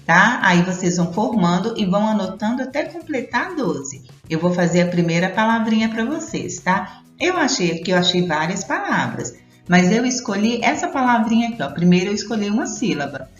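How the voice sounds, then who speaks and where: Lively woman teacher, roomy dull sound. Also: medium pitch, faint music behind. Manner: sing-song, slow and exaggerated on syllables. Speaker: primary school teacher. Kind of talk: teaching young children.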